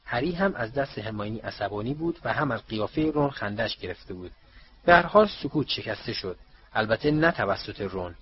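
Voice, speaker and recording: A man reading a novel aloud as an audiobook narrator, in steady, even storytelling. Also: fairly low pitch, slightly rough. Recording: muffled, faint hiss.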